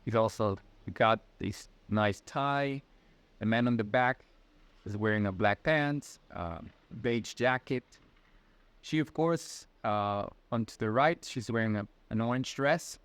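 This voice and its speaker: Here the Ecuadorian guest in his twenties gives casual answers to interview questions with a Latin American Spanish accent, friendly and hesitant, with many fillers and restarts. He speaks a little slowly in a mid-range voice that's a bit bright and clean, with no room sound.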